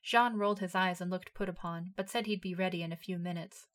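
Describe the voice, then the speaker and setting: A woman narrating a fan fiction story aloud in a steady storytelling voice. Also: lowish voice, a little fast.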